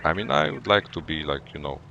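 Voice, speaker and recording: A man from Poland, speaking English as a second language, streaming a tank game live and explaining his decisions as he plays, with relaxed banter. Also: extremely low pitch, brisk, gravelly, highs cut off, slight background noise. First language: Polish. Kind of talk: live gameplay commentary.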